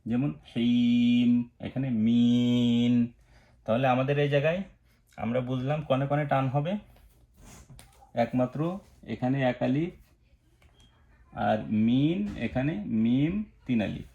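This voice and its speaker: A man with a Bangladeshi Bengali accent teaching Quran recitation step by step, spelling out letters and marks, then chanting each word slowly. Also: mid-range voice, vocal fry, darkish tone, lo-fi sound. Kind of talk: slow step-by-step recitation lesson.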